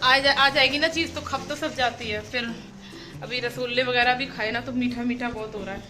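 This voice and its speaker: A woman in her thirties chatting casually as a family vlogger, turning high and sing-song when talking to her toddler. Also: fairly even intonation, normal speed, over music. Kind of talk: casual vlog narration.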